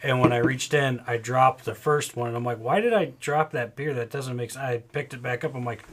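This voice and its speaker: A man's voice: medium pitch, steady tone, a little fast. Rambling man telling bar stories. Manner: rambling storyteller, acts out loud quoted voices. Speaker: podcast co-host. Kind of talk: casual drinking chat.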